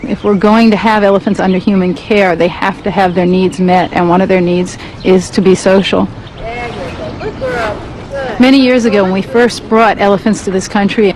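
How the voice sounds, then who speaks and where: A woman's voice: medium pitch, steady tone, fairly quick, a crowd in the background, low-quality recording. A woman who is a lead elephant keeper, speaking in a nature documentary interview. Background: music.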